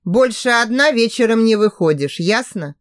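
A woman's voice: on the high side, expressive, normal speed, no echo, clean studio sound, lightly acted. A woman voicing a cocky young man who teases lazily and gives orders. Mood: bossy serious. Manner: lazy, commanding.

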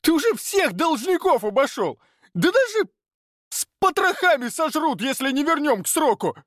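A man voicing a betrayed business partner in an audiobook, yelling in a voice that trembles with rage. His pitch jumps around restlessly. The sound is dry and close. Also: expressive, fairly quick, no echo. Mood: furious yelling. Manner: yelling, seething, trembling with fury. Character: raging, betrayed middle-aged business partner.

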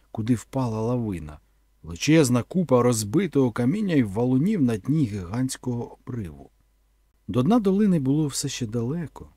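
Male narrator for a dramatic audiobook; expressive, animated delivery, husky voice. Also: mid-range voice, dry recording, clean studio sound.

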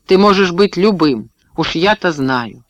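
A man's voice: sits high, animated, measured pace, a bit bright, dry recording, muffled recording. A man voicing a resolute young wife who answers her husband with cold, cutting retorts. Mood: reproachful.

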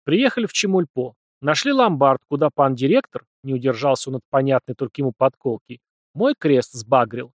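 A man voicing a calm, terse teenage boy who speaks without emotion. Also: mid-range voice, brisk, dry recording, clean studio sound, lightly acted. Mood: deadpan. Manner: deadpan, terse, flat.

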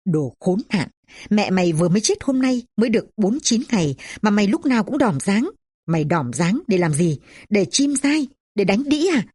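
A woman's voice: mid-range voice, lively intonation, brisk, darkish tone, breathy edge, no room sound, studio quality. A woman voicing a drunken, angry, middle-aged poor father who scolds and curses his daughter. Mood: raging.

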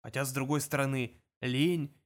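A man voicing a dim-witted, hulking alien guard who barks orders and talks slowly. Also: medium pitch, fairly even intonation, natural voice. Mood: dull. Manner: dull, barking.

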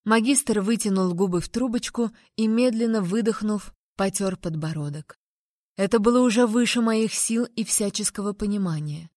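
A woman's voice: medium pitch, normal speed, a little mellow, no room sound. Woman narrating an audiobook, dry sound. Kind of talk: first-person fantasy romance narration.

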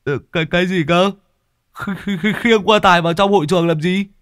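Man playing a flustered village lout, raised voice, stammering, excitable, storybook. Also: mid-range voice, moderate pace, music in the background, pitched above the performer's own voice, lightly acted.

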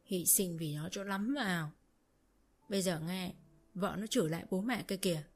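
A woman's voice: on the low side, moderate pace, faint music behind. Woman putting on a wailing old mother-in-law. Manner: wailing, theatrical, self-pitying. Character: weepy manipulative rural older mother-in-law.

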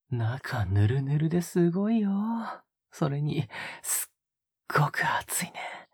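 In an intimate romantic audio drama, a man gives a full character voice as a tender, teasing young male lover, breathy and often whispering softly and coaxingly close to the mic. His voice is a little high, and the close-mic recording is dry.

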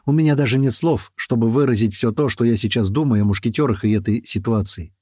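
Male narrator, mid-pitched, dry close-mic read, lively character switches. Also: fast talker, no room sound. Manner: lively, raising pitch and shouting for quoted characters. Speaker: audiobook narrator. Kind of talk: first-person audiobook narration with character voices.

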